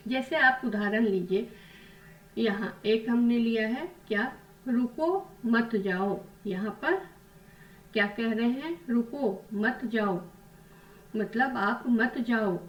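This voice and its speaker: A woman's voice: on the high side, highs cut off. Woman teacher, patient, echoey distant mic. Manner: patient, asks questions and answers them herself. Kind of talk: Hindi grammar lesson.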